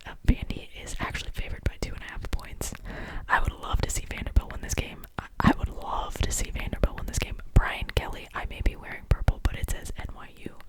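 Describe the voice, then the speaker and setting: Whispering ASMR sports host, Midwestern accent, breathy unvoiced hush, meandering with fillers, close mic. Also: poor audio. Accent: Midwestern American. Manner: soft unvoiced whisper, rambling with many ums and restarts.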